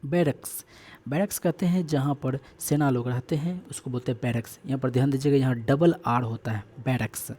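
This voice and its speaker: A man's voice: medium pitch, moderate pace, dark tone. A man teaching English vocabulary for exams, repeating key words and giving memory tricks. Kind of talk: exam-prep vocabulary lesson with memory tricks.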